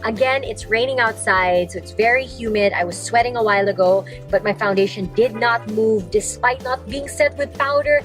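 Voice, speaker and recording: Chatty young woman from the philippines doing a beauty vlog, kinda high voice, handheld cam at home. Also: moderate pace, few pauses, a bit bright, soft background music, poor audio. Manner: bubbly and chatty. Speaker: beauty vlogger. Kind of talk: casual vlog chat to camera. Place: in a car, then at home. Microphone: handheld camera.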